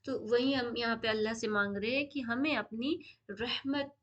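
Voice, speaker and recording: A woman teaching a dua lesson, explaining tajweed slowly and repeating each word for listeners to follow. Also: a little high, a bit bright, lo-fi sound. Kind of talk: Islamic lesson with tajweed drills.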